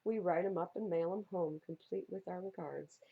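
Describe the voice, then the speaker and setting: A library storytime reader gives a picture book a lively, theatrical read-aloud, stressing and repeating words to engage young children. Her voice sits fairly low and is husky, mellow and slightly creaky, moving at a moderate pace, in a somewhat dull, lo-fi recording.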